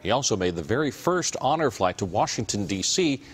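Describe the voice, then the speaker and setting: A man's voice: fairly low pitch, sing-song, brisk, husky. A man reading a scripted introduction as a television news anchor.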